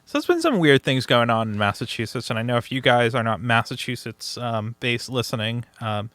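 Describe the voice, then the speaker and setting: A man with a bright, forward voice co-hosts a casual beer podcast. He jokes and ribs his partner. The sound is dry and close. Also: medium pitch, sing-song, a little fast, dry recording. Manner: joking, teasing. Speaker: podcast co-host.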